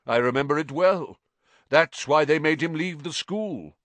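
A man voicing an ancient male giant spider, croaking and grave, speaking slowly in a storybook reading. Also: a little high, a bit bright, no echo, pitched above the performer's own voice. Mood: fretful. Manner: slow, grave pronouncements.

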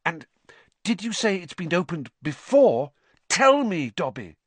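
A man's voice: high-pitched, sing-song, a little slow, fairly bright tone, no echo, pitched above the performer's own voice, exaggerated voice. A man voicing a brave, stubborn schoolboy hero in a storybook, insistent and questioning. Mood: urgent. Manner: insistent, fierce.

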